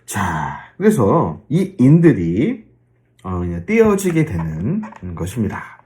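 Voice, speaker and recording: A man, a pastor, giving a Bible lecture and asking his listeners questions along the way. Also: medium pitch. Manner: animated, drawn-out fillers, rhetorical questions to the listeners.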